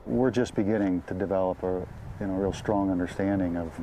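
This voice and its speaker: A man's voice: low-pitched, fairly even intonation, brisk, mellow, a little hiss or hum, rough recording. A man, a field biologist speaking off the cuff in a documentary interview.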